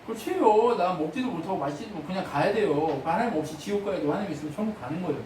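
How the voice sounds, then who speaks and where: A man's voice: high voice, animated, rapid-fire, darkish tone, slight background noise. A man preaching a sermon, firing rhetorical questions at the congregation and acting out short pleading prayers in a raised voice. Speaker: pastor. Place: church sanctuary. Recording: very echoey church hall, voice from a distance.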